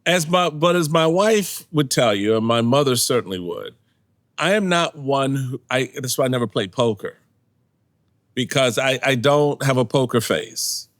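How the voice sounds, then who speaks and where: A man in his sixties, a guest in a casual interview, telling lively stories and acting out what people said, laughing often. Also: mid-range voice, moderate pace, no room sound, studio quality. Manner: animated storyteller, acts out quotes, laughs often. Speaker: podcast guest, former party chairman.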